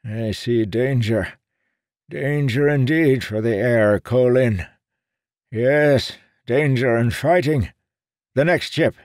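Male narrator as a pompous old seer, pitched high and thin, snappish. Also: slow pace, darkish tone, dry recording, clean studio sound, close to an everyday voice. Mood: muttering, ominous. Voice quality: crotchety, huffy. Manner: raised, strained old voice.

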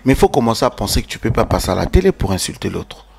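Man talking music, animated. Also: on the low side, racing, gravelly, slightly rough. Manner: mixes French and Lingala, animated, repeats words. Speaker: guest commenting on music news. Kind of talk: casual interview talk.

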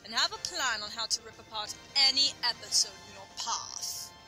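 A woman voicing a sarcastic female online reviewer character who lectures with quick wit. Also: a little high, expressive, over music, lightly acted.

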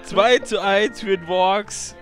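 Gaming host, male: high voice, lively casual delivery, music behind him. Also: slow pace. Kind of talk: casual excited gaming show chat in German. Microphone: voice chat over a game.

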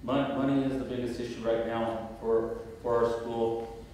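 A man answering questions as a school board candidate at a podium, halting with fillers and restarts. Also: medium pitch, flat delivery, a little mellow, slight background noise. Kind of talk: candidate forum answers, unscripted. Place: large auditorium stage at a podium. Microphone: podium mic from a far camera. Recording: echoey hall heard from far off.

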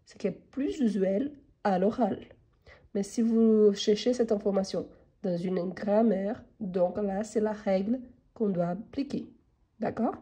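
A woman with a husky, dark, medium-pitched voice teaches French grammar online, speaking a little slowly. She patiently reads each exercise sentence aloud and then explains the rule. A cold leaves her sounding congested.

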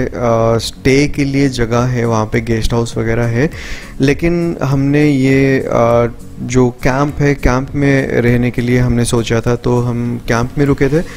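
A young man narrating his travel vlog in a casual, explanatory way, often pausing with hesitation fillers. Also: mid-range voice, steady tone, darkish tone, slight background noise. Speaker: travel vlogger.

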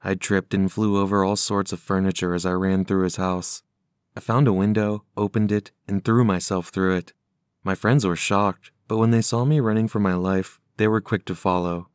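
A low-voiced man reads a scripted horror story in a measured, serious manner. His voice is smooth and clean, recorded close and dry with no room sound. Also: fairly even intonation, no echo.

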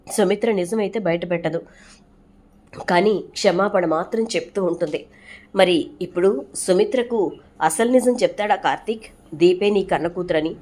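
A woman narrating a TV serial episode recap in brisk storytelling, ending with calls to subscribe. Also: lowish voice, darkish tone.

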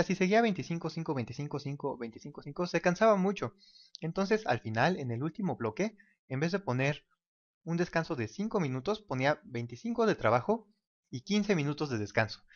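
Male teacher, casual sketch-as-you-go explainer, muffled lo-fi audio. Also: on the high side. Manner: casual, talks while drawing, mimics ticking clock. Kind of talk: whiteboard explainer lesson. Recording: dull lo-fi recording.

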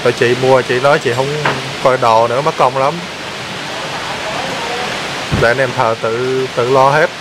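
A man's voice: mid-range voice, steady tone, a little slow, pauses often, heavy background noise. A man hosting a vlog, teasing and prodding someone with repeated questions. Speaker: vlog host. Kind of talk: teasing casual chat on camera.

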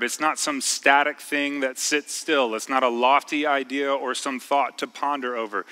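A man preaching a sermon in a church, talking in a conversational way and slowing down to stress key words. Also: medium pitch, pushed and bright, low-quality recording. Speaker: pastor. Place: church sanctuary.

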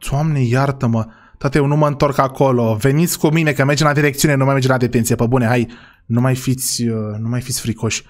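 A man playing a father in a role-play game, talking excitably and often saying "God forgive me". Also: medium pitch, soft background music.

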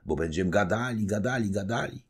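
A bold, lively young noblewoman speaking with doting eagerness, as a man reading an audiobook puts her on. Her voice sits well above a man's natural register, bright and girlish. The delivery is animated and full of affection. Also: lowish voice, brisk, slightly rough, pitched above the performer's own voice. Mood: coy.

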